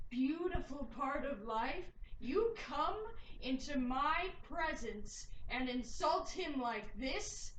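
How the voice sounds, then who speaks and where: A woman voicing a vengeful tiefling, speaking slowly with cold, measured menace, on a roomy, distant, noisy recording. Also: medium pitch, close to an everyday voice. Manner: slow, measured, icy menace.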